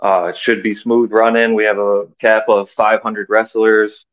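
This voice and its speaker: A man with a low voice chats as a podcast guest, easygoing and plain-spoken, often stopping on "uh". The sound is dull and lo-fi. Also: little pitch movement, a little slow. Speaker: podcast guest, wrestling tournament organizer. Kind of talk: casual chat.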